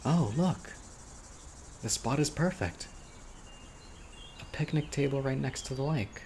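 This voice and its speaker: A man playing a gentle, eager, critically ill young man with a secret obsessive streak on a date, in an audio roleplay, speaking hesitantly and softly with muttered asides. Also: mid-range voice, expressive, a little slow, slight background noise. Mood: eager, shyly tender. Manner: hesitant, soft-spoken, with muttered whispered asides. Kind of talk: roleplay audio drama, intimate boyfriend monologue. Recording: outdoor nature ambience, birds and insects. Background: birdsong, crickets and insects.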